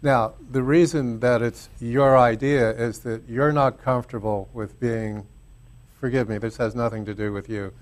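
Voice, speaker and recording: A man's voice: mid-range voice, fairly even intonation, normal speed. Guy cohost explaining things to a caller, keeps asking if she's with him. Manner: coaching, checks in with the listener. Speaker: show host. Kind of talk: spiritual talk radio chat.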